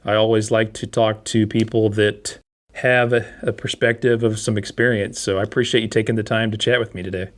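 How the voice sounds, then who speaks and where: A man's voice: fairly low pitch, little pitch movement, fairly quick. Upbeat male podcast host. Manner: upbeat, enthusiastic promoter. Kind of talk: ad reads and interview chat.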